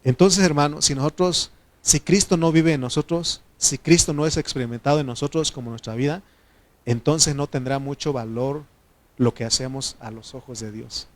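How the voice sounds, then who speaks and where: A man's voice: fairly high pitch, normal speed. A man in his thirties with a Mexican accent, preaching a conversational sermon and often adding "amén". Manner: conversational, repeats phrases, frequent "amén".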